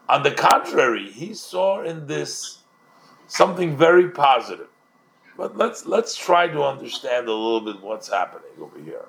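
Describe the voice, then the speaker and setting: Slow gravelly man teaching a Talmud story. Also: a little high, fairly bright tone. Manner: retells a story, then explains it, with many restarts. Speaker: Torah teacher.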